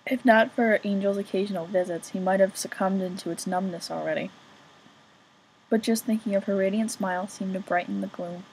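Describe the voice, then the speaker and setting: A woman's voice: medium pitch, fairly even intonation, a little fast, a little mellow, slight background noise, rough recording. A woman reading a novel chapter aloud as an amateur reader, casually remarking on her own slips.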